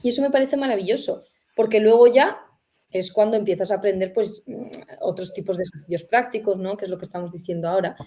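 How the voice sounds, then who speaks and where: A woman's voice: medium pitch, quick pace, dark tone. A woman hosting a conversational interview, reflective and full of rhetorical questions. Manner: reflective, uses many fillers and rhetorical questions. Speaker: host.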